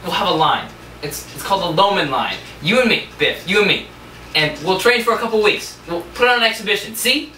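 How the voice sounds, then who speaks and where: A young man in an amateur scene playing an eager younger brother who excitedly pitches a business scheme, recorded on a distant camera mic. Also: brisk. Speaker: student actor. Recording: roomy, distant camera mic, faint hiss.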